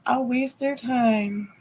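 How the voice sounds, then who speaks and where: A woman's voice: high voice, slightly rough, rough recording. A woman livestreamer chatting casually with viewers, rambling and heavy on fillers. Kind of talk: casual chat.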